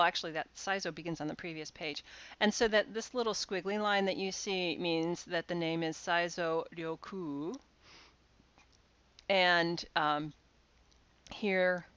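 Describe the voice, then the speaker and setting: Female lecturer, smooth lower voice, dry close mic, dull lo-fi sound, patient explanatory delivery with fillers. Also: a bit bright, no echo. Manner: explanatory, with frequent "uh" and restarts. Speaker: university lecturer. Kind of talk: recorded course lecture.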